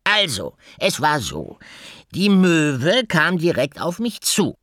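A man voicing a cheeky, playful female magpie in a children's audiobook, with a squeaky, giggly, excitable manner. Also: slow pace, dry recording, clean studio sound, full character voice. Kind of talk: audiobook character voice.

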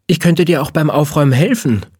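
A man voicing a bossy, know-it-all girl in a read-aloud children's story, speaking in a lecturing, brisk way. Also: on the high side, a little mellow, slightly rough, no echo, clean studio sound, pitched above the performer's own voice. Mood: chatty.

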